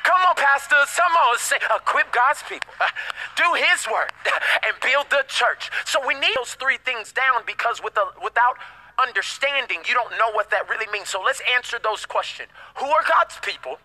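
A man's voice: very high voice, moderate pace, pushed and bright, low-quality recording. A man preaching a sermon as pastor, emphatic, with call-and-response and casual slangy asides.

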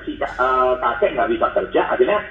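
A man in his forties telling his family story in a casual interview, with many pauses and fillers. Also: medium pitch, lively intonation, soft background music. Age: 40s. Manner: storytelling, hesitant with frequent fillers. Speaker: interview guest. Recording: echoey, distant, phone-like audio.

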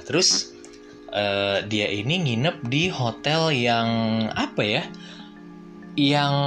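Man, low voice, casual podcast storytelling, chatty with fillers, faint guitar music. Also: a bit bright. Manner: slangy Jakarta-style chat with many fillers. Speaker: podcast host and teacher.

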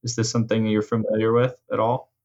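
A man in a conversational coaching role, explaining ideas in a measured way and rephrasing his points. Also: fairly low pitch, monotone, a little mellow, muffled recording. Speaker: host and coach explaining mental frameworks.

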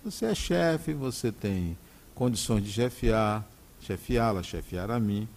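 A middle-aged Brazilian man speaks with a Brazilian Portuguese accent, delivering an inspirational spiritual talk. His pitch swings widely as he shifts between storytelling and reflection, and he keeps checking in with his listeners. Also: animated, slow pace, darkish tone. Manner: conversational, often asks "né?" to the audience. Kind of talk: inspirational talk with personal stories.

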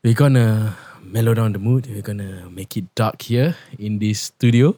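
A young Singaporean man hosting a podcast, chatting and telling personal stories in an animated, slangy way. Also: lowish voice, moderate pace, no echo. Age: young adult. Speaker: podcast host. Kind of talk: casual chat and personal storytelling. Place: podcast studio.

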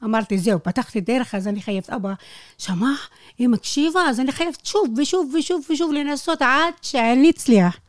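Animated woman with Hebrew. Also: high voice, no echo, studio quality. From Negev, Israel. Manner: animated, acts out quoted dialogue, non-native Hebrew grammar slips. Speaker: interviewee, Bedouin tour guide. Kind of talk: personal storytelling in conversation.

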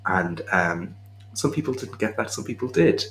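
A man's voice: on the low side, animated, normal speed, a bit bright, roomy sound, a little hiss or hum. A man from Ireland co-hosting a casual chat, talking in a reflective, hesitant way with many fillers.

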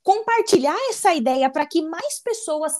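Woman podcast host, high voice, casual and encouraging interviewer. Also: lively intonation, normal speed, darkish tone.

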